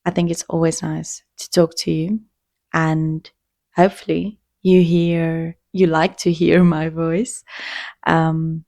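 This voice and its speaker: Slow, gravelly-voiced woman podcaster, heartfelt. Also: deep voice, little pitch movement, dark tone, no echo, studio quality. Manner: heartfelt, slow and reflective, with pauses and restarts. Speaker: podcast host. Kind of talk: casual solo podcast talk.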